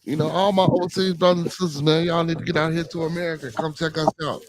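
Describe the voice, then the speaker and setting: A man's voice: on the high side, level tone, quick pace, a crowd in the background. A man with a Chicago accent hosting a casual live-stream podcast, talking in a loose, slangy, laid-back way and often tagging on "man". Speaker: podcast host.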